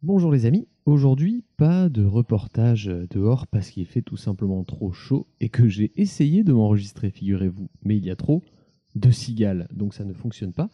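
A man's voice: on the low side, animated, moderate pace, slightly rough, dull audio. A man giving a podcast's reporter segment, explaining things to listeners in a chatty, teacherly way from indoors at home. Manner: chatty and didactic, checks in with listeners.

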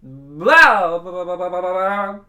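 A man's voice: high voice, takes it slowly, bright, forceful tone. A man talking nonsense syllables straight into a spinning fan, so his voice comes out chopped and warbling, as a comedy co-host. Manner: droning nonsense syllables for fun. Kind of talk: comedy sketch banter. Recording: echoey room.

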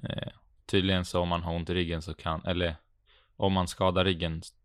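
A man speaks Swedish with a Stockholm accent in a low register. He chats casually as a podcast co-host, and the sound is dry, with very little room on it. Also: little pitch movement, a bit bright, clean tone, no echo. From Avesta, Dalarna, Sweden. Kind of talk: casual chat.

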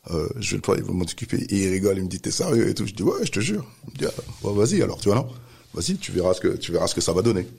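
A man telling a story in casual chat, animated, acting out the voices of the people he quotes. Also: deep voice, rapid-fire, vocal fry, husky. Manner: animated, acts out quoted voices, many restarts. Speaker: music manager telling a story.

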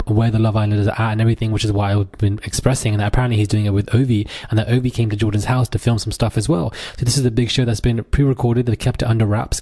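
A man's voice: fairly low pitch, warm tone. A man hosting a podcast, giving casual gossip commentary with dramatic, sassy asides. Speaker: podcast host.

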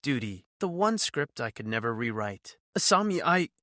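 A man's voice: mid-range voice, big pitch swings, normal speed, a bit bright, no echo, clean studio sound. A man narrating a first-person audio story in a wry, sardonic tone.

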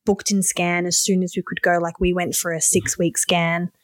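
A young woman recounts her story in a casual, animated way. Her voice sits fairly low but leaps high when she acts out what she said. The sound is close and dry, with no room around it. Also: moderate pace, dry recording. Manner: animated, acts out quotes with sudden high squeals. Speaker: podcast guest.

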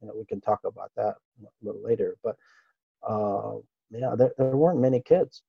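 A middle-aged Okinawan man, a martial artist whose native language is Japanese, looks back on the past as a guest in a relaxed interview. His lowish, creaky voice has a breathy edge, and he speaks easygoingly and hesitantly, dropping in lots of fillers and soft laughs. The dry recording sounds slightly dull.

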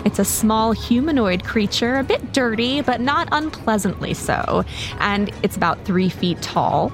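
A woman's voice: fairly high pitch, animated, a little slow. Woman game master narrating over music.

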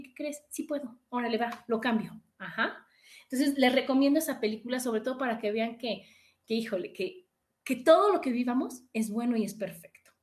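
A woman with a Mexican accent hosting a podcast in casual chat, animated and often acting out what people say, with frequent tag questions. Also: fairly high pitch. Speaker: podcast host.

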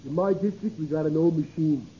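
A man's voice: fairly high pitch, a little fast, very noisy, close to an everyday voice. A male actor playing a simple, cheerful American tavern sidekick in old radio comedy, slangy and guileless. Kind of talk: 1940s-50s radio comedy acting. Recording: muffled old radio recording.

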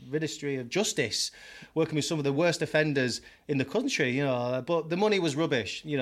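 A man, a podcast guest telling his story in a candid, chatty way, often laughing. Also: mid-range voice. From York, England. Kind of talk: casual storytelling.

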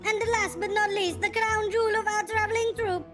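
Tiny grandiose flea circus showman, super high squeaky voice, big theatrical announcing, bit of music behind. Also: fairly even intonation, brisk, a bit bright. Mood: grandiose, proud. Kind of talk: comedy sketch acting.

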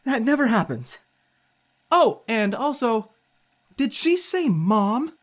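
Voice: mid-range voice, big pitch swings, takes it slowly. A performer playing a spirited, sarcastic youngster who narrates an audio drama in an informal, candid way. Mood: candid, flustered.

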